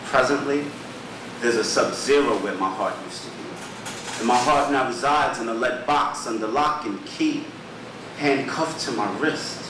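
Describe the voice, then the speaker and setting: A man performing his own spoken word poems at an open mic, with a rhythmic, rhyming delivery and dramatic pauses. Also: mid-range voice. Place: small poetry theater stage. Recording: echoey room, distant mic, background hum.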